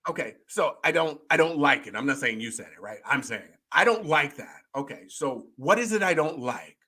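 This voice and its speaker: An animated man, coaching in a lively conversational way. His voice is bright and forceful, and his pitch jumps all over as he mimics others and breaks into excited high bursts. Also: brisk, slightly rough. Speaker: life coach and show host.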